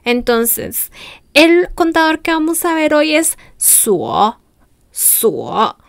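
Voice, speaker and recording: A Costa Rican woman with a high voice teaches a video lesson at an unhurried pace. She repeats each new word slowly and checks in with her students. The sound is dry and close. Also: no echo. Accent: Costa Rican Spanish. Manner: spells out foreign words slowly and repeats them twice; friendly, explanatory, checks in with "¿verdad?". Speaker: language teacher.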